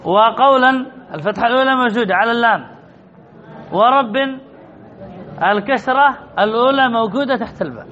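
A man's voice: extremely high pitch, fairly quick, pauses often, bright, forceful tone, dull audio. A man teaching an Arabic grammar lesson, stressing and repeating key points and quizzing his students as he goes. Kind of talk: classroom lesson.

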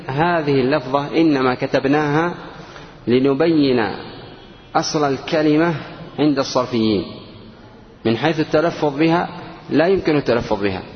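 A man teaches a grammar lesson in a classroom, saying each word slowly and repeating it before he questions his students. The recording is dull and lo-fi, with a long reverb from the room and faint noise behind him. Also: on the high side.

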